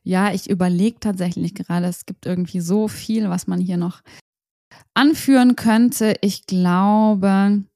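A woman's voice: medium pitch, steady tone, measured pace, mellow, no room sound, clean studio sound. A woman co-hosting a podcast, chatting casually, laughing often and reading out reviews in the same easy voice. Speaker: podcast co-host.

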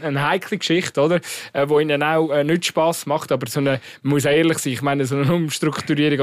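A man's voice: a little high, no room sound, clean studio sound. A man with a Swiss accent in a casual, rambling, colloquial chat about football, as a podcast host.

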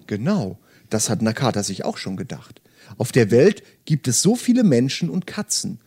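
A man's voice: mid-range voice, a little mellow, breathy edge. A man hosting a book talk, reading a novel aloud and then chatting enthusiastically with a co-host. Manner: enthusiastic, hesitant with fillers in chat. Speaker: podcast host.

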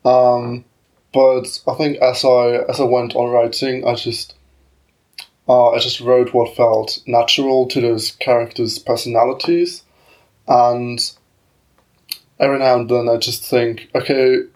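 A man's voice: medium pitch, level tone, unhurried, darkish tone, low-quality recording. A man as a guest on a casual podcast chat, speaking hesitantly and restarting his phrases. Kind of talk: casual round-table chat.

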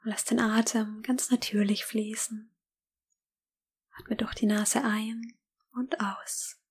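A woman whispering a slow, calm guided meditation. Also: fairly high pitch, husky.

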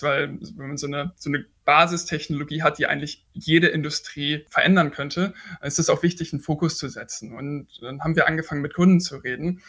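A man's voice: fairly high pitch, fairly bright tone. A man in his twenties, a startup founder, answering podcast questions earnestly with frequent hesitations. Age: 20s. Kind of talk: podcast interview.

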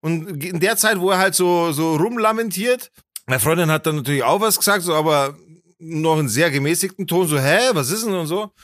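Animated high-voiced man. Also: fairly quick, no echo, studio quality. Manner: animated, acts out quotes with big voice jumps. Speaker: podcast host. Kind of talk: casual storytelling chat.

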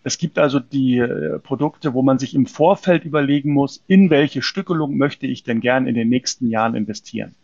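A man's voice: medium pitch, normal speed, gravelly, few pauses, darkish tone, no room sound, highs cut off. A man from a precious metals company answering interview questions in an explanatory way, often hesitating with fillers and restarts.

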